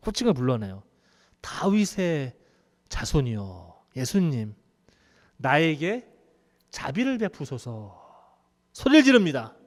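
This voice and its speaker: 한 남자 목사가 교회에서 이야기하듯 편하게 설교하며, 중간중간 웃음을 섞어 성경 이야기를 생생하게 풀어냅니다. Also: male voice, sits high, in a large hall. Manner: conversational, animated storytelling with laughs. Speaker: pastor. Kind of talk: sermon. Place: church sanctuary.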